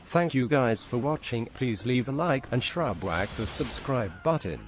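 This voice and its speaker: A man's voice: mid-range voice, expressive, unhurried. Synthetic male narrator over background noise. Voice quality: synthetic text-to-speech voice. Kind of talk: scripted narration. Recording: clear background ambient noise.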